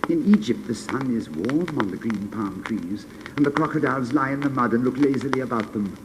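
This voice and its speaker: A man voicing a small, loyal swallow with a raised, excited, tender delivery in a storybook reading. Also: mid-range voice, fairly quick, pitched above the performer's own voice, lightly acted. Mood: eager, tender. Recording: noisy recording with clicks.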